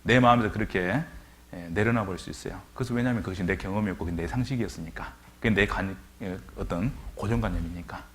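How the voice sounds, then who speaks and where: A man's voice: lowish voice, a little hiss or hum. A man preaching a sermon as pastor, retelling scripture dramatically and asking the congregation rhetorical questions.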